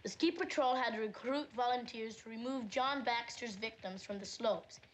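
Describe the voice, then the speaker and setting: A woman's voice: a little high, normal speed, a little hiss or hum, rough recording. A woman reading a scripted, mock-serious news report as film narration.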